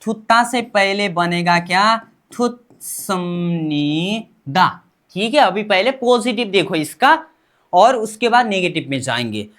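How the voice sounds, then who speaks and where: A woman teaching Korean grammar at an unhurried, deliberate pace, with a voice of ordinary middle pitch. She repeats each example phrase several times over and keeps quizzing the learner on what comes next. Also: expressive, a bit bright. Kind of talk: explaining grammar step by step.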